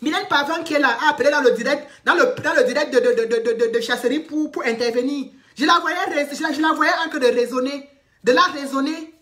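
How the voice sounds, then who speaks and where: A woman, ranting defiantly on a live stream, repeating herself and swinging from loud declarations to low muttered threats. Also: quick pace. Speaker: online commentator. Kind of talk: impassioned live-stream rant.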